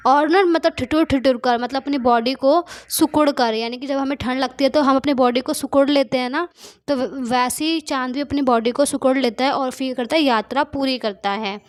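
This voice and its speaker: A woman teacher going through a poem line by line, reading each verse slowly and then explaining it in simple everyday words with some English mixed in. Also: sits high.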